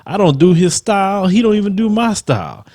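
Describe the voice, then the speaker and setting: A channel host from the Southern United States, with a Southern accent, a slight lisp and a warm tone, reads troll comments aloud in casual commentary and rebuts each one, combative and emphatic. He talks briskly in a sing-song, his pitch rising and dipping as he presses each point. The sound is dry and close, with no room around it.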